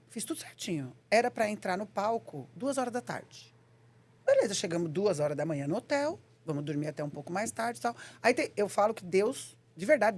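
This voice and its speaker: A woman's voice: a little high, husky. A woman chatting casually on a podcast, telling stories and acting out the dialogue she quotes. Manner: animated storyteller, acts out quoted dialogue.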